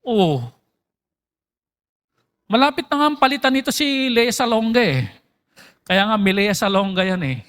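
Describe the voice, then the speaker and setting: A Filipino man delivers a sermon to his congregation in a high, bright voice. He moves between Tagalog and English, often asking the listeners whether they follow. His pitch jumps sharply whenever he stresses a point. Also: normal speed, long pauses. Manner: mixes Tagalog and English, asks the congregation questions; animated, jumps in pitch for emphasis. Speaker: pastor.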